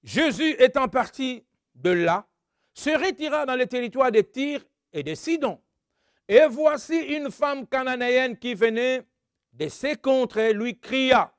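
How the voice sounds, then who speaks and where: A man preaching a sermon who reads scripture, exclaims hallelujah and questions his congregation, swinging from loud outbursts to quiet asides. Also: extremely high pitch, lively intonation, measured pace, dry recording, clean studio sound.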